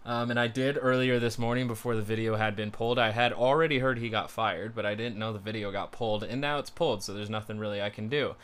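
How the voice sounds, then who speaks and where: A man with a lowish voice talks through his thoughts in a loose, rambling commentary. His delivery is flat and sardonic, the monotone he himself admits to, full of ums and false starts. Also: quick pace, hardly any pauses, smooth. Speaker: commentary streamer. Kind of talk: casual solo commentary.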